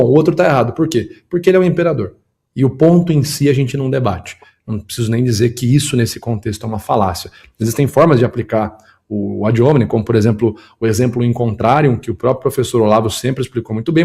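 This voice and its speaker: A man hosts a commentary show and talks fast with a mellow, dark tone. He breaks down video clips point by point, speaking emphatically to viewers and to his production team. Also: mid-range voice, creaky. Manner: quick, emphatic, analytical, talks to the audience and production. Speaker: political commentator and show host.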